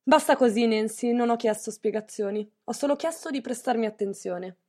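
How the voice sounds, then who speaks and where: A woman's voice: fairly high pitch, normal speed, dark tone, lightly acted. A woman reading an audiobook, voicing a stern, wealthy middle-aged mistress who speaks curtly and severely. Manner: curt, severe, clipped.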